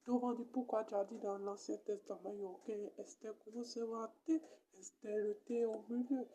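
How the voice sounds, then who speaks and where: A woman with an Ivorian French accent, a comedian giving a mock Bible lesson and repeating each point slowly like a teacher. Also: medium pitch, steady tone, dark tone, a little hiss or hum.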